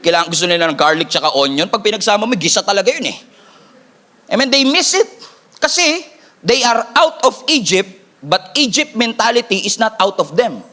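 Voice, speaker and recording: A man preaching a sermon as pastor, animated, joking and calling for responses from the congregation, repeating key lines for emphasis. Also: sits high, normal speed.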